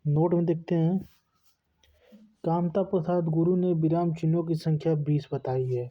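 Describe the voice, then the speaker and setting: A man's voice: on the high side, level tone, moderate pace. Man teaching a grammar lesson. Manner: explaining with questions and answers. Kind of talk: classroom lesson. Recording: dull lo-fi recording.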